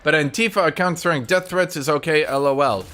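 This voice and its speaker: A man's voice: a little high, a little fast, bright, forceful tone, slight background noise. A young man streaming a game, talking casually and sarcastically to his chat and swearing freely. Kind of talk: casual live-stream commentary.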